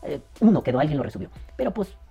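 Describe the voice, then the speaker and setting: A man's voice: on the high side, very animated, fast talker, gravelly, dark tone, husky, faint music behind. A man with a Mexican accent hosting a podcast, with crude, joking, slang-filled banter and a voice kept down. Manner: keeping his voice down. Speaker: podcast host. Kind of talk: casual podcast chat.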